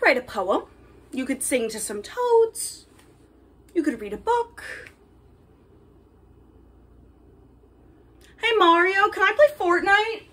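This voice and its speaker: A woman's voice: extremely high pitch, animated, measured pace, fairly bright tone, voice pushed up, full character voice. A woman voicing a bubbly, sweet young video game princess with a chirpy, sing-song delivery. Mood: bright, playful. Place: home kitchen, indoors. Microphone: camera a step or two away.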